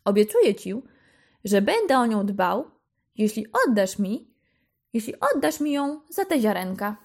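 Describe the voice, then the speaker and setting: A woman's voice: mid-range voice, very animated, unhurried, gravelly, darkish tone, heavily acted. A woman doing a coaxing old wizard. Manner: persuasive, coaxing. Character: mysterious old male wizard.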